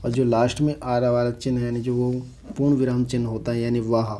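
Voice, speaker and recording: A man leads an online exam-prep grammar class. His voice is mellow and dark, and his pitch stays flat and level. He repeats himself often and asks rhetorical questions that he answers himself. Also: a little fast. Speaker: Hindi grammar teacher.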